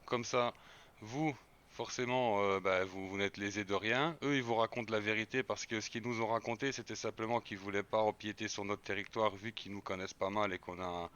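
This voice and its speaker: A man streaming a crime role-play game, speaking in character as a gang member who explains things calmly at length and often restarts his sentences. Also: on the low side, clear, resonant tone.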